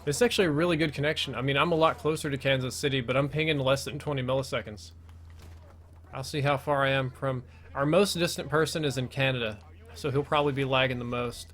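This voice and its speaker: A man's voice: medium pitch, steady tone, fast, a bit bright, a little hiss or hum. An American man doing casual live commentary as the host of a gaming video, his S sounds slipping a little because he wears braces.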